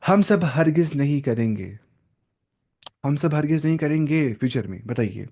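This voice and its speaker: A man's voice: on the high side, lively intonation, moderate pace, mellow. A male teacher giving an online grammar lesson, patiently drilling and repeating verb forms aloud. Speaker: Arabic teacher.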